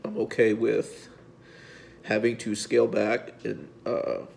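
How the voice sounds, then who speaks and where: Gravelly-voiced man, emotional and halting. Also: lowish voice, completely flat delivery, a little mellow, slight background noise. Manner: halting, repeats words, speaks from the heart. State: tearful, voice breaking at times. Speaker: physique coach. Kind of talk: emotional personal video update.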